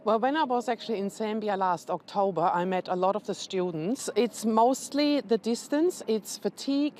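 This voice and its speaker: A woman's voice: medium pitch, moderate pace, a little mellow, a little hiss or hum. Woman explaining step by step. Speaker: charity representative. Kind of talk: news interview.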